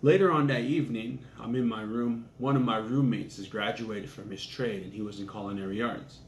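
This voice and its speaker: A young man with a fairly low, steady voice briskly tells a crude personal story in a laid-back, profane way. The casual storytelling takes place in an echoey room with faint ambient noise.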